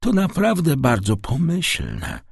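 A frail old father, as a male narrator puts him on, his voice thin, high and trembling. He speaks very slowly and gently, with a husky catch in the throat. The recording is close and dry. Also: huge pitch swings, no echo, heavily acted. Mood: weak, gentle. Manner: quavering and slow, breaking into high tones. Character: frail, tender old father, aging man.

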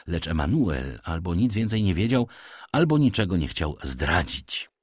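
A man reads a novel aloud as an expressive storyteller. His voice is very deep yet moves a lot in pitch, and the recording is close and dry. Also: no echo. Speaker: audiobook narrator. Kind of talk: scripted literary narration.

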